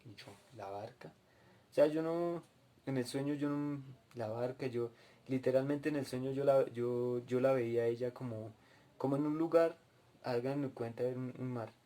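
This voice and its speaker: A man gives a sermon-style testimony, recounting a dream and then moving into Bible teaching. His voice is mellow and dark at an ordinary pitch. He often speaks straight to his listeners. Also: fairly even intonation, moderate pace. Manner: storytelling, addresses listeners directly. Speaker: preacher at a cell group.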